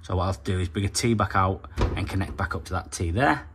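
A man's voice: low voice, fast, background noise. A young man, a plumber talking casually as he films his work and explains each step in a practical, chatty way. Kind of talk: casual vlog narration. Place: factory floor, then a house kitchen.

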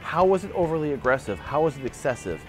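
Animated man arguing a point outdoors. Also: fairly high pitch, fast, faint music behind. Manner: animated, gestures a lot while arguing a point. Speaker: martial arts channel host. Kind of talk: opinionated video commentary. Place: outdoor backyard by a wooden fence. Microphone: lapel mic.

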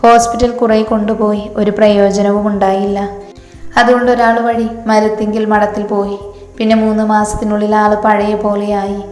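A woman voicing a gentle, consoling older mother figure in a storybook tale, in an echoey hall with faint music. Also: mid-range voice, flat delivery, moderate pace, natural voice. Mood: soothing. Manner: soothing, consoling.

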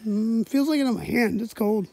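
Host type: cheerful, chatty woman with a slightly high voice, talking to camera outside in the snow. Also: normal speed, dark tone. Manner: upbeat, chatty, laughs easily. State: a little out of breath at times. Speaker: vlogger, host of the hiking channel. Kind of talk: casual outdoor vlog chat. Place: outdoors at a snowy winter campsite.

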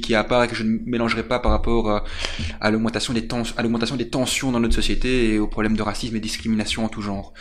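Earnest young man in studio. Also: on the low side. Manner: earnest, articulate with frequent restarts. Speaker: political candidate. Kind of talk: political interview answer. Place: small TV studio. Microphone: desk microphone.

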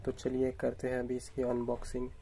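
Flat, gravelly man explaining an unboxing. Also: mid-range voice, fairly quick, slight background noise. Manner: steady explanatory, frequent address to viewers. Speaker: unboxing vlogger. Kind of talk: casual unboxing tutorial. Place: indoors at home, camera over tabletop.

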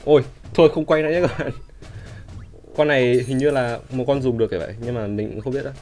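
Casual male game streamer with a mid-range voice, chatty and easily thrilled, shouting when surprised; faint music underneath. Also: mid-range voice, fast talker. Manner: excitable, bursts into shouting surprise. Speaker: gaming channel host.

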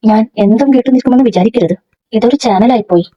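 A woman's voice: a little high, fast, mellow, slight background noise, natural voice. A woman reading the lines of a firm young woman who answers curtly, in a dull lo-fi recording. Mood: curt, angry. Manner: curt and firm.

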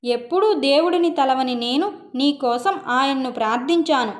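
A woman's voice: sits high, normal speed, echoey room, lightly acted. A woman reading the lines of a remorseful older husband who pleads tearfully for forgiveness in a narrated story.

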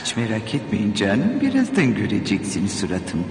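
A man's voice: on the low side, huge pitch swings, normal speed. A man playing a middle-aged mother in a television sitcom, exclamatory, sarcastic and dramatic. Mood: mock-calm sarcasm.

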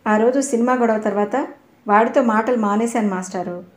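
A woman's voice: a little high, normal speed, reverberant, lightly acted. A woman voicing a naive, innocent teenage girl in an audio novel, talking earnestly.

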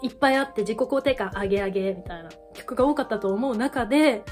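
A woman hosting a reaction video, reacting with excited exclamations and then talking through her thoughts casually. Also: a little high, fast talker, faint music behind.

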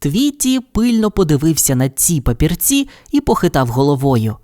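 A storyteller reading an audio fairy tale with a lively, expressive delivery. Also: medium pitch, normal speed.

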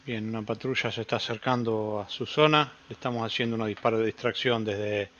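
A man's voice: fairly low pitch, fairly even intonation, fairly quick, a bit bright. A man with a Rioplatense accent giving clipped, terse tactical radio calls as squad leader, heard through a gamer headset mic over in-game radio. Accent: Rioplatense Spanish. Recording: dull lo-fi headset mic with faint hiss.

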